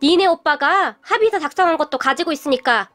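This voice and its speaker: Woman playing a scornful rich mother in a storybook reading, high-pitched, drawn-out sneering delivery, faint music behind. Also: expressive, fairly bright tone. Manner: sneering, shrill scolding. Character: haughty rich middle-aged mother, scornful.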